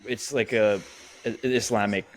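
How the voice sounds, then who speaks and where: A man's voice: on the low side, steady tone, moderate pace. A man co-hosting a podcast as a physiotherapist, making loose, joking asides in casual banter.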